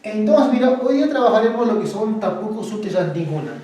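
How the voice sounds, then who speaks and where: A woman's voice: medium pitch, brisk, dark tone, far from the mic. A woman teaching a language lesson, asking her students questions and coaxing answers from them. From Cusco, Peru. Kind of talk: classroom lesson. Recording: very echoey room, voice from off the mic.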